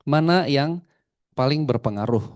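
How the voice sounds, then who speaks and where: A man giving a live sales training seminar, often asking the audience questions, mixing English terms into his talk and swinging his pitch and loudness widely. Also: expressive, a little slow.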